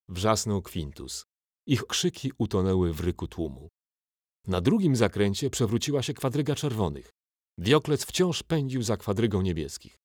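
Low-voiced, expressive male narrator. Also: no room sound, clean studio sound. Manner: expressive storytelling. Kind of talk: audiobook narration.

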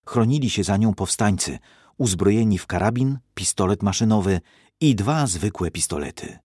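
Male storybook narrator, expressive, dry close sound. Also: lowish voice, moderate pace, slightly rough, dry recording.

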